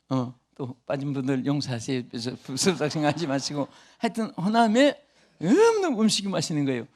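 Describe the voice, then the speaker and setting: An older man preaching a revival sermon, booming and emphatic at his peaks, then easing into chatty asides to the congregation. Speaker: pastor.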